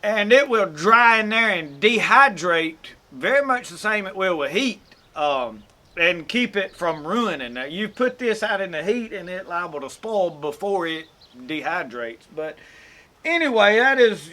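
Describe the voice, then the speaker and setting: A man's voice: high voice, animated, normal speed, pushed and bright. A man from Mississippi with a Southern accent, giving a folksy, rambling how-to talk as host of an outdoors channel. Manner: folksy and rambling, with self-corrections. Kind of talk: casual how-to explanation.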